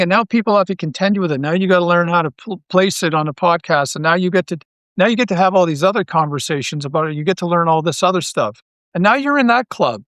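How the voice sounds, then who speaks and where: In a dry, studio-quality recording, a man with a high, fairly bright voice chats casually as a podcast guest. An audio drama creator, he rambles along enthusiastically in the interview.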